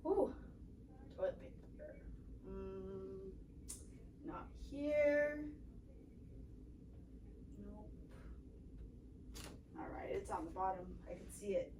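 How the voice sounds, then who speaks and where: A woman patient chats casually during a therapy session, answering in short, agreeable bits and thinking aloud as she searches. She sounds distant in a reverberant room, with steady background noise. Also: mid-range voice, extremely slow, long pauses.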